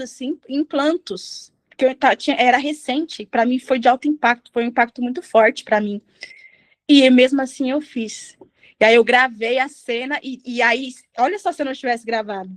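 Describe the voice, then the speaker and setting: A woman's voice: high-pitched, dry recording. A woman from Brazil preaching a sermon, sharing a personal testimony in an earnest, emphatic way and acting out the speech she quotes.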